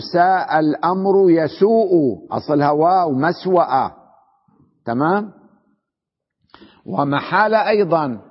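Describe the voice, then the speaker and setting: A fairly high-voiced man teaches an Arabic grammar lesson step by step, posing questions to his class and answering them himself. He stretches words out slowly to spell out their forms, and the muffled recording carries long hall reverb.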